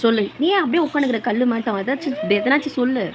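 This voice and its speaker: Scolding mother, high, noisy home recording. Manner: scolding, rapid repeated questioning. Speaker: mother pranking her children. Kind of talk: casual home prank video.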